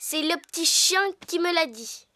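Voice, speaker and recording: High, bright little pony boy. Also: expressive, unhurried, dry recording, full character voice. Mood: polite, earnest. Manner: earnest, mock-professional. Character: polite, studious little boy pony playing optician. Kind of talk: French-dubbed preschool cartoon acting.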